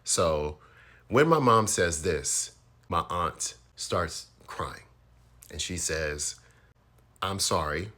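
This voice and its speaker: A man's voice: low-pitched, lively intonation, extremely slow, bright, forceful tone. A man hosting a storytime video, telling a family story with animation, laughing along and acting out the quotes.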